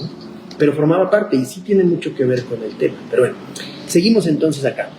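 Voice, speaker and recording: A man, a pastor teaching a Bible class in a conversational lecture style, thinking aloud and checking in with his listeners. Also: mid-range voice. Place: church classroom. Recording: echoey room with clear background noise.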